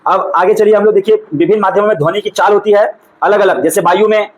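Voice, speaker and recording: A man teaching, his voice sitting unusually high for a man. He runs a call-and-response drill in a classroom, brisk and prompting, pushing his students to speak up. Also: steady tone, crowd noise, poor audio.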